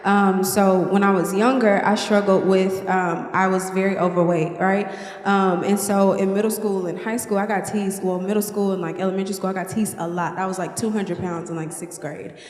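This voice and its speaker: A woman's voice: medium pitch, fairly even intonation, moderate pace, darkish tone. Woman, 20s, panelist, chatty, laughing, echoey hall. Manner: chatty, laughing, lots of fillers. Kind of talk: casual panel talk. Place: large hall.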